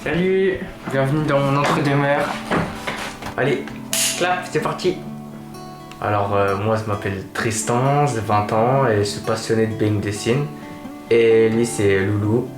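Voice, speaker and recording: A man playing a gushing twenty-year-old film fanatic in a mock video portrait, talking in a halting, repetitive, naively enthusiastic way. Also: mid-range voice, steady tone, lightly acted. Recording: echoey room with guitar music.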